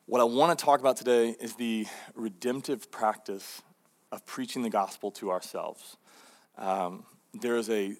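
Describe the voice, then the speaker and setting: Give me a man giving a conversational sermon, full of fillers and restarts. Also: fairly low pitch. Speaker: pastor.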